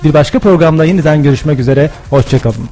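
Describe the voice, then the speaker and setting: A man hosting a radio interview, speaking in a courteous, flattering way with hesitant phrasing. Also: on the high side, fast, over music. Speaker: radio host. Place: radio studio.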